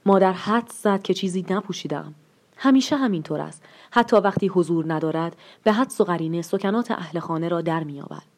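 A woman's voice: fairly low pitch, a little mellow. Woman reading a story aloud. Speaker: story reader. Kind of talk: scripted story narration.

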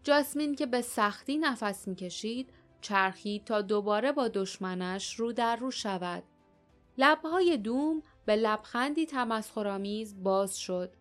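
Woman reading an audiobook over music. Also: fairly high pitch. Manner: steady, expressive storytelling. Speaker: audiobook narrator. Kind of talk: scripted narration.

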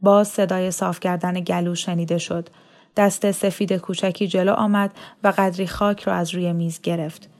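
Calm woman narrating a novel. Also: on the low side. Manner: calm, even, measured storytelling. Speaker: story reader.

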